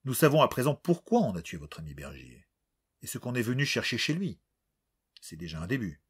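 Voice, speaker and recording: A man voicing a young amateur sleuth who explains his reasoning with quick confidence. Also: mid-range voice, sing-song, husky. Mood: confident.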